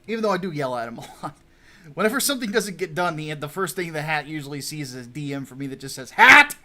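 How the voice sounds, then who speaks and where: A man with a slightly high voice chats on a livestream, excitable and quick to laugh. He swears freely and reads out chat comments. He sounds like he is talking into a desk mic on a video call. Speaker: comic book writer hosting a launch stream.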